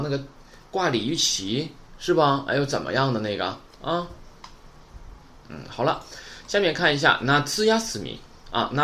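A man's voice: mid-range voice, fairly bright tone, a little hiss or hum. A man teaching Japanese vocabulary in a casual lesson, chatty and full of rhetorical questions.

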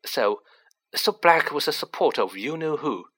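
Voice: medium pitch, animated, normal speed, a bit bright, slightly rough. A storyteller voicing an earnest, curious teenage wizard boy who speaks plainly, in an audiobook reading. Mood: curious, hesitant.

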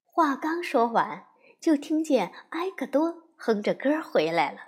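A woman reading a children's storybook aloud in a gentle, even storytelling manner. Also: high voice, measured pace.

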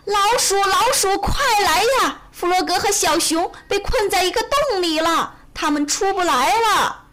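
A woman doing a shrieking, excitable duck. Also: very high voice, measured pace, voice pushed up, heavily acted. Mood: alarmed. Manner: shrieking, loud.

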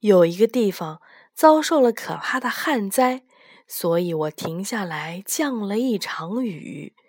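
A woman's voice: medium pitch, animated, a little slow, a little mellow, no echo, studio quality. A woman voicing a mighty, kind-hearted male dragon in a storybook, explaining earnestly.

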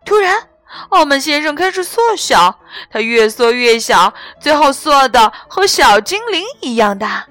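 A woman reads a children's story aloud, slow and unhurried, her pitch rising and falling with lots of expression. The sound is close and dry, with soft music playing faintly underneath. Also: dry recording. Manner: gentle and expressive.

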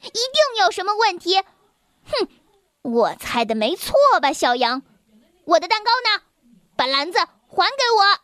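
小红帽，女声扮演. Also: female voice, very high voice, sing-song, a little slow, long pauses, no echo, full character voice. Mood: demanding. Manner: sharp, demanding. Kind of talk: children's storybook reading.

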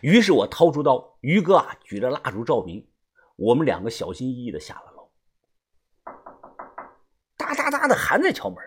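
A man's voice: medium pitch, huge pitch swings, slightly rough. A man narrating a novel as an audiobook, in a conversational storytelling manner with fillers. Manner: storytelling with frequent fillers and pauses.

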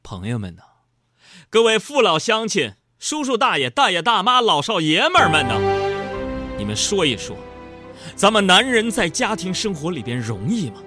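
A man doing a stand-up comedy monologue. He talks to the audience in an animated, mock-indignant way. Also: sits high, normal speed, faint music behind.

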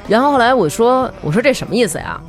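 A woman, co-hosting a comedy talk show, telling stories in a chatty, animated way and laughing as she goes. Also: a little high, fast talker, faint music behind. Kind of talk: casual comedic storytelling.

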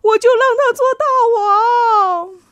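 A woman voicing a big, greedy and simple-minded male tiger in a children's story, loud and drawn out. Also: very high voice, takes it slowly, dry recording, pitched above the performer's own voice, heavily acted. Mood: wailing.

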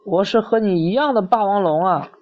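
A woman's voice: medium pitch, a little fast, highs cut off, slight background noise, pitched above the performer's own voice, natural voice. A woman doing a fierce tyrannosaurus in a storybook. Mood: challenging. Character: fierce adult tyrannosaurus, gruff and challenging.

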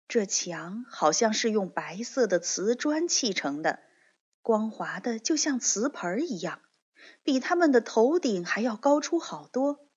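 Slow breathy woman storyteller. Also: mid-range voice. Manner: slow, gentle, expressive reading. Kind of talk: children's story narration. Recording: dull lo-fi recording.

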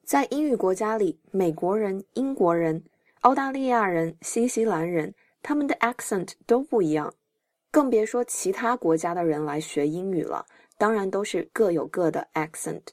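A woman teaching English on her podcast, talking in an encouraging way as she explains each term one step at a time. Her voice sits at an ordinary middle pitch for a woman. It is recorded close and dry, with no room sound around it. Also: lively intonation, moderate pace, a little mellow, dry recording. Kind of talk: scripted podcast lesson.

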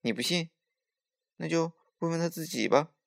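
A man's voice: a little high, moderate pace, gravelly, voice pushed up. A man voicing a bold, hot-tempered young boy hero in a children's story, talking in a defiant, brash way. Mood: eager.

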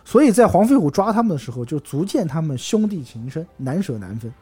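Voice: medium pitch, very animated, fast, dark tone, slightly rough, soft background music. A podcast co-host, analyzing characters of a classic tale in casual chat. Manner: analytical, chatty.

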